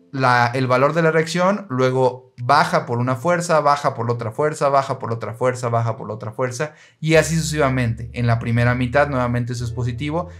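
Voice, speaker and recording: At a medium pitch, a man teaches engineering, walking through diagrams in a patient, steady manner while addressing the listener directly.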